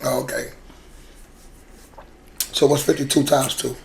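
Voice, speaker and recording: Gravelly, slangy podcast co-host. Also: medium pitch, level tone, unhurried, a little hiss or hum. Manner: swears freely, slangy, repeats words while thinking. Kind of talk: casual chat.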